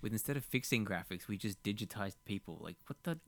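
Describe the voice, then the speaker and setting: A man's voice: lowish voice, lively intonation, quick pace. A man co-hosting a podcast in casual chat, blunt, sweary and often incredulous. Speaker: podcast co-host.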